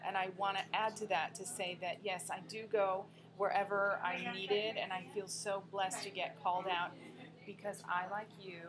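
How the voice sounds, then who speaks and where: A young woman from the United States, a pageant coach, talking lively and expressively as a guest at a restaurant table. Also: medium pitch, normal speed, crowd noise, rough recording. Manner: lively, expressive, laughs often. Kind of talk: casual interview chat. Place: restaurant dining room, indoors.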